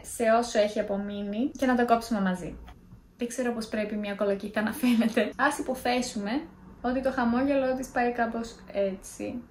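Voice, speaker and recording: A woman's voice: fairly high pitch, steady tone, slight background noise. Chatty young woman vlogging in an echoey room. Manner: chatty, self-mocking. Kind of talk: casual vlog, telling scary stories.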